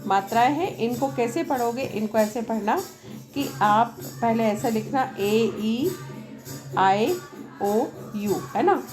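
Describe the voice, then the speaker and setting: A woman English teacher with a somewhat high voice, speaking slowly and deliberately. She talks loudly over noise from a nearby event and keeps asking the class whether they have understood. Clear music from outside plays behind her voice throughout. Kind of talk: classroom lesson at a board, Hindi mixed with English. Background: music from a nearby program.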